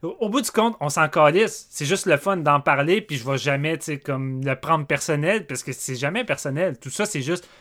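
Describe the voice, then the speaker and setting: A man with a Quebec French accent co-hosting a casual film podcast, talking in an animated way and often repeating words as he starts a thought. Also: a little high, normal speed, hardly any pauses. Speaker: podcast co-host.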